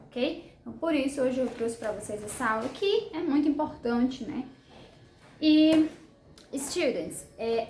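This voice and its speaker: A woman with a Brazilian Portuguese accent, teaching an English lesson and drawing out each word slowly so learners can repeat it. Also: on the high side, darkish tone, reverberant, a little hiss or hum. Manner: slow, drawn-out model pronunciation of English words. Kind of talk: bilingual language lesson.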